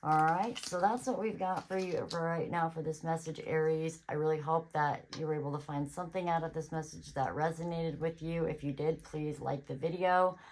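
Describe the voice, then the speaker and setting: A woman's voice: low voice, fairly even intonation, moderate pace, few pauses, darkish tone, slight background noise, rough recording. A woman giving a casual tarot reading on her channel, chatty and reassuring, thinking aloud as she goes. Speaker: tarot reader.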